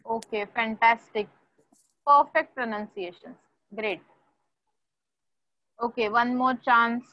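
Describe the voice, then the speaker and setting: High-voiced woman teaching online. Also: drawn-out words, no echo, lo-fi sound. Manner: mixes Hindi and English, encouraging. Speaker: Sanskrit teacher. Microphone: video call.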